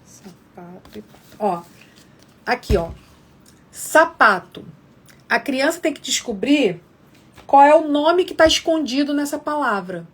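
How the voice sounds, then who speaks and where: A woman's voice: high-pitched, animated, measured pace, pauses often. A woman explaining literacy games step by step in a casual live lesson, often checking in with viewers. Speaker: educator teaching literacy games.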